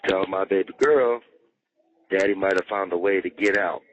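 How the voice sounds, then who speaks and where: On a tinny jail phone line, a low-voiced inmate chats casually at a moderate pace, repeating his explanations and peppering them with slang and swearing. A bit of hiss or hum sits on the call.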